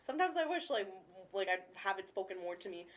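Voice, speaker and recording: A woman's voice: medium pitch, big pitch swings, quick pace. A young woman with an anglicized accent hosts in a middle register. Her talk is casual and conversational, with informal youthful slang. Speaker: show host. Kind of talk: casual chat.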